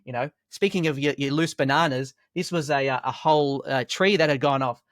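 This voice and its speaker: A man who teaches school and martial arts, explaining classroom discipline in a calm, storytelling way with rhetorical questions. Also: mid-range voice, a little fast, no echo, clean studio sound. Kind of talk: conversational podcast explanation.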